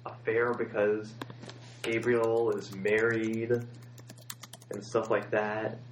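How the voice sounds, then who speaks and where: A man co-hosting a casual chat about television, talking in a halting way with many pauses and fillers. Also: fairly low pitch, completely flat delivery, slight background noise.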